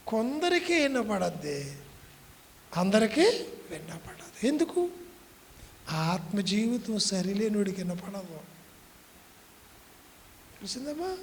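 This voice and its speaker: A man preaching a sermon, asking the congregation questions as he goes. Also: sits high. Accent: Telugu. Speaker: pastor. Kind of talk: Telugu sermon. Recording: reverberant hall, faint noise.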